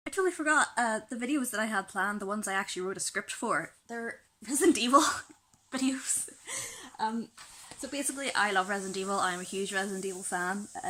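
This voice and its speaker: A young Northern Irish woman chatting to a camera set on a shelf in her bedroom. Her voice is croaky because she has just woken up. She rambles and keeps interrupting herself. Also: on the low side, a bit bright. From Northern Ireland. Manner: rambling, self-interrupting, laughs often. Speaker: vlogger. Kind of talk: casual rambling chat. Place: bedroom, indoors, rain outside.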